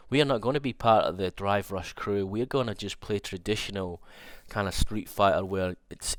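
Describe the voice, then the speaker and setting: A young man with a nasal voice and a cold, excitedly rambling through a fighting game trailer breakdown and thinking aloud with restarts. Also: on the low side, dry recording, studio quality. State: has a cold. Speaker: fighting game content creator.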